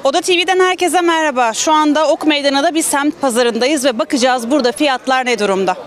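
A woman's voice: sits high, fairly quick. A woman reporter interviewing people with short questions at an outdoor street market. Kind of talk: vox-pop interviewing.

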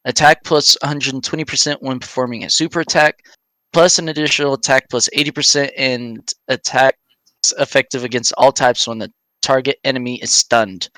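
Brief: man, casual co-host, bright and forward tone, dry close sound, reads stats off a card. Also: medium pitch, steady tone, normal speed, no echo. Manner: reads game stats aloud, laughs often. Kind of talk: casual podcast chat.

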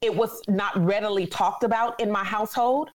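A woman's voice: medium pitch, fairly even intonation, moderate pace. A woman in her forties from California, speaking earnestly and reflectively in a conversational interview. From Sacramento, California.

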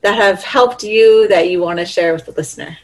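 A woman's voice: mid-range voice, fairly quick. A woman hosting a podcast, effusive and enthusiastic in casual interview talk. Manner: effusive, enthusiastic, laughs often. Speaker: podcast host.

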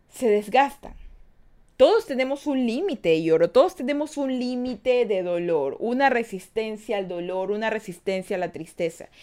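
Earnest woman, somewhat high voice. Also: a little mellow. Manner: earnest, repeats phrases for emphasis, asks rhetorical questions. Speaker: podcast host. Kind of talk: advice podcast monologue.

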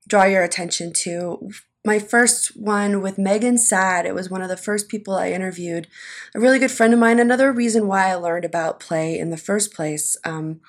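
A woman hosting a podcast, speaking casually and reflectively into a lapel mic in a hotel room, with a tinny, boxy sound. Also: medium pitch. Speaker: podcast host.

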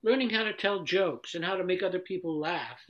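Fields: Style: halting chat. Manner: restarts often, encouraging. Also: mid-range voice, lively intonation, a bit bright, lo-fi sound. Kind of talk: casual chat, joke telling.

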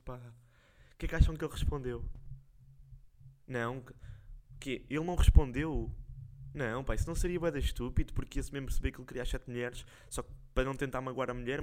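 A young man with a European Portuguese accent, hosting a podcast and telling stories casually in slangy, animated, jokey speech. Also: medium pitch. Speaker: podcast host. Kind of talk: casual storytelling.

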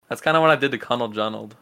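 A man's voice: mid-range voice, sharp tone. A young man co-hosting a casual podcast, telling rambling stories and laughing often. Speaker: podcast co-host. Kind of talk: casual chat.

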